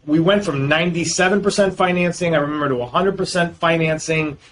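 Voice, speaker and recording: Being interviewed on a podcast, a real estate lawyer from Boston, US, talks briskly in a slightly high, fairly bright voice. He speaks fluently in long explanatory stretches with many fillers, and a little noise sits behind him.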